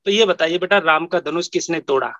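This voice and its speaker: A man's voice: a little high, a little fast, a bit bright, no echo, dull audio, pitched below the performer's own voice, lightly acted. A man voicing a male school examiner who keeps questioning insistently. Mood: probing. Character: male school examiner, probing, stern official.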